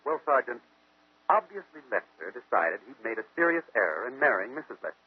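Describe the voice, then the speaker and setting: A man's mid-range, slightly rough voice swings widely in pitch as he portrays a methodical American detective from a 1940s radio mystery. Confident and explanatory, he reasons deliberately, teaching through questions and answers. The audio is muffled and phone-like, like an old radio recording.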